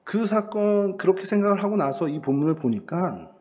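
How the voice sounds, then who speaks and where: A middle-aged male pastor preaching a sermon, his voice sitting somewhat high for a man. He talks in a relaxed, conversational way, telling the story as if chatting with his listeners. He slips into the voices of the people he quotes. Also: normal speed.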